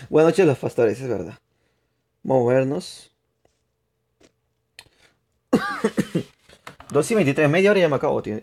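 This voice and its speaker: A slightly mellow, mid-range male voice comes through over a bit of background noise. The young man is streaming a game live in a put-on Spain Spanish accent, chatting with viewers, answering chat as he plays, and rambling with frequent restarts.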